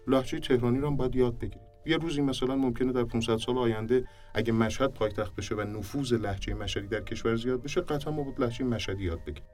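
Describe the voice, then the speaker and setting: A man's voice: mid-range voice, darkish tone. Man, diction teacher, emphatic interview explanation, repeats points, distant mic, faint background music.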